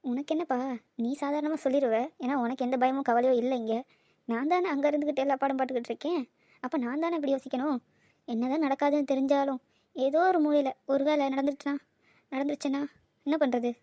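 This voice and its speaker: A woman's voice: high voice, fairly even intonation, quick pace, mellow, no room sound, clean studio sound, close to an everyday voice. A woman voicing an anxious young woman who scolds and worries about her marriage in a cartoon. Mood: worried. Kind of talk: Tamil cartoon dubbing.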